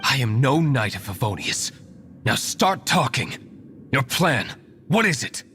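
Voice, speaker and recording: A man's voice: medium pitch, very animated, unhurried, sharp tone, a little hiss or hum. A man voicing a cold, stern young nobleman in a video game, clipped and commanding. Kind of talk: video game cutscene dialogue.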